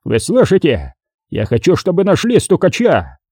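A volatile, furious gang boss snarls and roars his threats, as a male narrator puts him on. The voice climbs well above the reader's own, husky and dark. It is a dry audiobook reading. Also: sits high, sing-song, normal speed, no room sound, pitched above the performer's own voice, heavily acted. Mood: raging. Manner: snarling, yelling threats in bursts.

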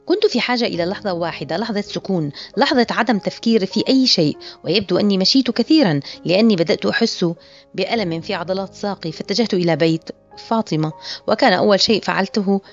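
Fast-reading female audiobook narrator. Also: medium pitch, expressive. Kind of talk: scripted literary narration. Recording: muffled lo-fi audio with faint music.

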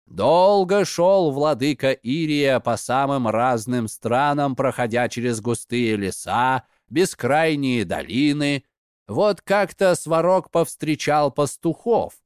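A man narrating a myth aloud in a slow, expressive reading style. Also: mid-range voice, smooth, no echo, clean studio sound. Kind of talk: storybook narration.

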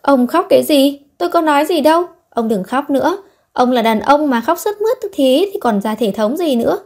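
A woman voicing a proud, sharp-tongued young woman in an audiobook, speaking curtly and scolding. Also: high-pitched, animated, brisk, pitched above the performer's own voice. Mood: flustered, scolding. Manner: curt and scolding.

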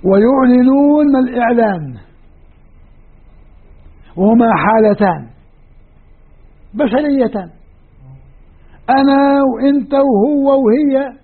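A man's voice: very high voice, husky. A man with a Levantine Arabic accent teaching a classroom lecture on Quranic grammar, explaining step by step and posing questions to his students. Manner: explanatory, poses questions to students and answers them. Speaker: Islamic studies teacher. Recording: tinny lo-fi phone-like recording.

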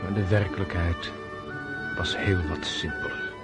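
Melancholy prince, deliberate, inward-looking, fairly deep voice, radio play monologue, loud orchestral strings behind. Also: male voice, steady tone. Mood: brooding, sorrowful. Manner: introspective, deliberate, grave. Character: melancholy Russian prince and officer brooding before battle. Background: orchestral string music.

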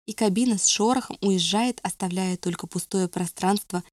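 A woman calmly narrating an audiobook. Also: medium pitch, moderate pace, no room sound, studio quality. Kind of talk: scripted narration.

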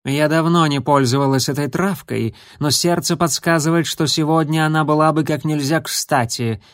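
A grumpy old she-cat healer scolds in a slow, stern drawl, as a male reader puts her on. The voice sits a little high, and the dry close storybook recording has no room sound at all. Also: dry recording, natural voice.

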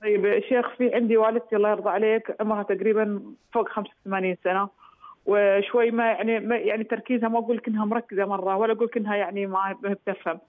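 A woman's voice: medium pitch, steady tone, racing, no echo. A woman calling a radio show by phone, explaining hesitantly with many restarts. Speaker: caller. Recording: tinny phone line.

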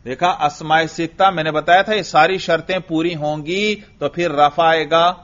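Patient male teacher drilling a student; fairly high voice, muffled recording. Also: steady tone, a bit bright. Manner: patient, quizzing and praising the student. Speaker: teacher of Arabic grammar. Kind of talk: classroom grammar drill. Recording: dull lo-fi recording.

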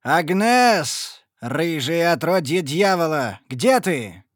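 A man's voice: on the high side, a little slow, close to an everyday voice. Man doing a bellowing brutal old father. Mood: roaring. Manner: roaring, harsh scolding.

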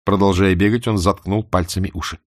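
A man narrating a humorous novel in a wry, expressive storytelling manner on a close studio mic. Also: deep voice, brisk, no echo. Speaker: audiobook narrator.

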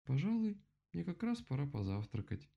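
A man voicing a calm, sensible female bear in a children's storybook, soft and timid. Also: on the high side, moderate pace, vocal fry, dull audio, voice pushed up, exaggerated voice. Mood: gentle.

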